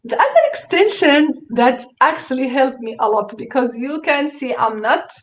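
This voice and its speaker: Speaking slowly and with hesitation, a teacher whose first language is Arabic guides other teachers through a screen-share tutorial, full of fillers and restarts yet clearly enthusiastic. Her voice sits fairly high, and the recording quality is poor.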